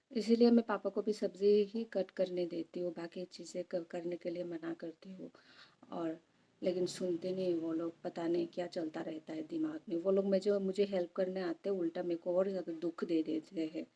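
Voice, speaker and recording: A woman's voice: on the low side, level tone, moderate pace, dark tone, breathy edge, dull audio. A young woman vlogging casually from home, chatting in a rambling way and often checking in her listener. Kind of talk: casual home vlog chat.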